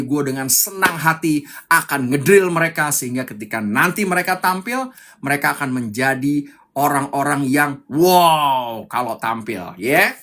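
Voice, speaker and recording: A man's voice: fairly high pitch, bright, forceful tone. A young man coaching public speaking on a live stream, fiery and emphatic, repeating his key points.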